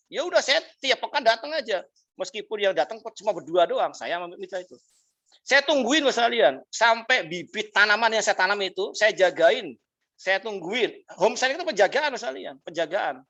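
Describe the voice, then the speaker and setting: A man teaching a business class as a mentor, telling stories in an animated way, laughing often and acting out the people he quotes. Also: high-pitched, normal speed, lo-fi sound. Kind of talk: motivational storytelling talk. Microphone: video call.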